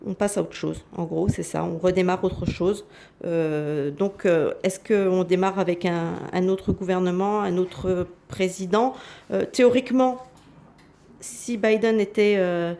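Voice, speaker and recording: Woman tarot reader, gravelly voice, hesitant and full of fillers, confiding and speculative with viewers. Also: medium pitch, mellow. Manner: hesitant, many fillers and restarts. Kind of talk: casual tarot reading monologue.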